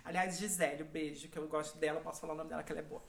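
A woman's voice: sits low, fairly even intonation, rapid-fire, creaky. A woman hosting a podcast, telling stories in casual chat and laughing as she talks. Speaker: podcast host. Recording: echoey room.

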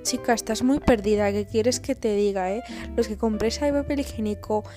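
A woman's voice: medium pitch, a little fast, mellow. A woman from Spain with an Andalusian accent, rambling and swearing freely through an improvised solo podcast rant. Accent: Andalusian Spanish. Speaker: podcast host. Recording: guitar music playing behind the voice. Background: guitar music.

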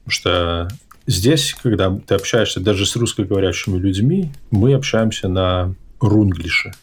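Speaking slowly in a husky, low register, this man hosts a podcast and conducts a relaxed, chatty interview. His manner is reflective and tentative, with frequent self-corrections. He is abroad in a country where English is spoken.

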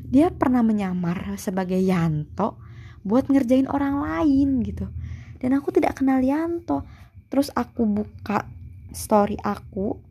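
A woman's voice: on the high side, dark tone, husky. A young woman tells a story in a casual monologue, heated and exasperated, swearing freely.

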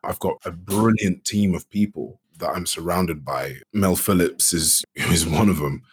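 A man with a low, husky voice talks loosely in a casual interview. His delivery rambles, leaning on filler phrases and restarts. He sounds unhurried and easygoing as he answers. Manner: relaxed, rambling, full of "you know" and restarts. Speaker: guest, actor and game studio founder.

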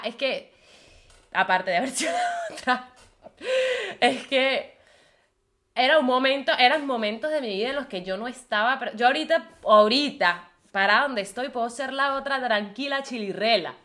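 A woman's voice: high-pitched, big pitch swings, a little fast, fairly bright tone. A young woman with a Venezuelan Spanish accent, hosting a podcast in a blunt, profane, casual confessional monologue full of fillers. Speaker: podcast host.

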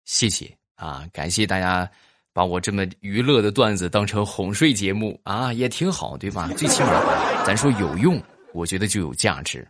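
A man's voice: on the low side, expressive, moderate pace, heavy background noise. A man hosting a podcast, telling funny stories and reading listener comments while teasing his audience. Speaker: podcast host.

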